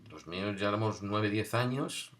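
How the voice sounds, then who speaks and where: A man from tells a personal story from his school years in a conversational, wry way, pausing and restarting as he recalls. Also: fairly low pitch, fairly bright tone.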